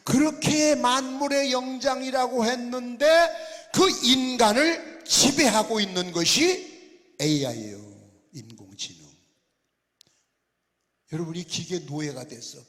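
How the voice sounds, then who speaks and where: A man's voice: high voice, expressive, measured pace, fairly bright tone. An older man from Chungcheong, Korea, a pastor preaching a revival sermon in a folksy, teasing way and quizzing his congregation. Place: large church sanctuary. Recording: long hall reverb.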